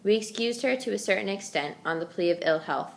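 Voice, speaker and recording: A woman reading a novel passage aloud in a steady narrating manner. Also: medium pitch, fairly quick, gravelly.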